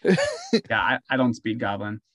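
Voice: medium pitch, very animated, unhurried, fairly bright tone, no echo, clean studio sound. A tabletop game player chatting casually and describing their character's actions.

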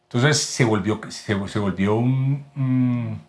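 A man's voice: medium pitch, slow pace, a little mellow. A Colombian man from Medellín with a paisa accent, a voice actor and announcer talking as a podcast guest, explaining at length with frequent restarts and repeated words. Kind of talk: casual podcast interview.

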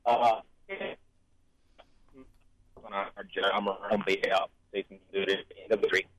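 A man's voice: low voice, flat delivery, a little slow, fairly bright tone. A male caller on a phone line so choppy that his words keep cutting out mid-sentence. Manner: words dropping out, fragmented speech.

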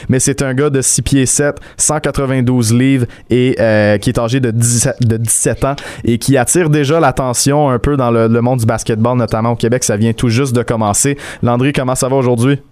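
A man's voice: mid-range voice, steady tone, normal speed, hardly any pauses, a little mellow, dry recording. Québécois man hosting, dry close sound. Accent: Québécois French. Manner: friendly, hesitant with frequent "euh". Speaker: show host. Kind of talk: interview hosting.

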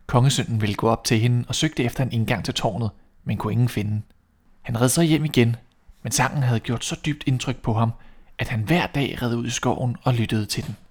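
A man reading a fairy tale aloud as the show's storyteller, in a calm, even way. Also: mid-range voice, slightly rough.

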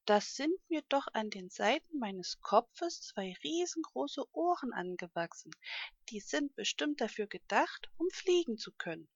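A woman's voice: fairly high pitch, big pitch swings, unhurried, slightly rough, no room sound, muffled recording, heavily acted. Bodo, a woman playing an eager little elephant calf. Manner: eager, childlike.

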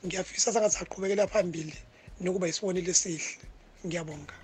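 A man's voice: high-pitched, steady tone, rapid-fire. A South African man with a Zulu accent, leaving a congratulatory voice note for a radio show. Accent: South African Zulu-language.

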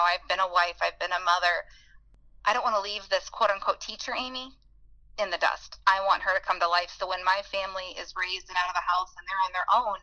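A woman's voice: on the low side, sharp tone, poor audio. A woman in her forties, a beginning teacher, earnestly telling personal stories in an interview and acting out the voices she remembers. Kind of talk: heartfelt personal storytelling.

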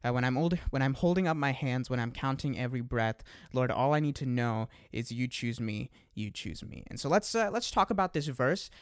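A man's voice: medium pitch, expressive, fairly quick, few pauses, smooth, no room sound, clean studio sound. A young adult man hosting a casual podcast. He talks in an easygoing way, laughs at himself and uses lots of fillers. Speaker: podcast host. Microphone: desk microphone.

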